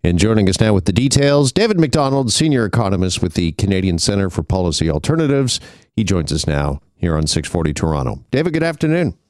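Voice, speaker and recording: A man hosting a radio interview in a studio, introducing his guest and asking brisk, conversational questions. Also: sits low, sing-song, darkish tone, dry recording. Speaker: radio host. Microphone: studio microphone.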